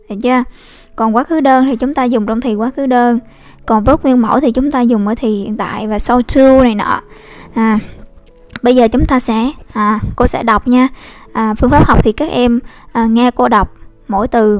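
A woman teaching an online lesson, explaining slowly and patiently with many fillers. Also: on the high side, dry recording. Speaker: English teacher. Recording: dry close recording with faint music.

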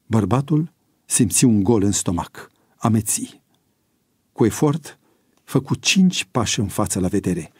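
Male narrator, low and husky, measured dramatic audiobook reading. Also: lively intonation, dry recording, clean studio sound.

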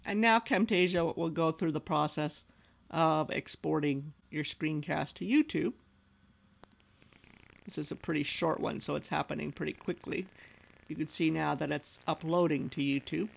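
A woman calmly narrating a screencast tutorial as an instructional designer, patiently explaining each step. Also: sits low, moderate pace, gravelly. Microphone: voice-over recorded over screen capture.

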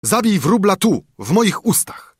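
A hot-tempered carter who curses his bad luck, loud and a bit higher than plain speech, as a man puts him on. The voice is slightly husky, recorded dry and close. It is a storybook reading. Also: very animated, a little slow, no room sound, exaggerated voice. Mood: furious. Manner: loud, lamenting.

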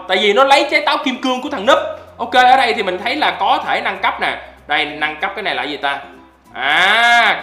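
Man, excitable gameplay commentary, bright sharp voice, echoey room with faint music. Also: high voice. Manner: excitable, frequent loud exclamations. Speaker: gaming YouTuber.

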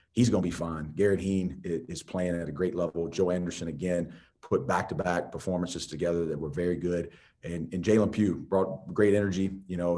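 Deep-voiced coach fielding press questions. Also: male voice, a little mellow. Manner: conversational, many restarts and "you know". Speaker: head basketball coach. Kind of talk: post-game press conference answers.

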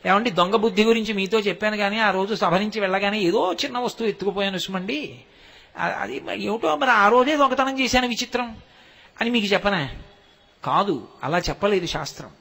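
A man with a Telugu accent giving a devotional discourse, telling stories with acted quotes and slow chanted verses. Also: high-pitched, animated, vocal fry, pushed and bright. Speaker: spiritual discourse speaker.

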